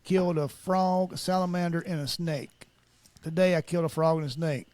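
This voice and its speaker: A man's voice: on the high side, fairly even intonation, moderate pace, a little mellow, no room sound. A man with a slightly wheezy, allergy-congested voice, bantering casually as a co-host on a talk show. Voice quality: a little wheezy.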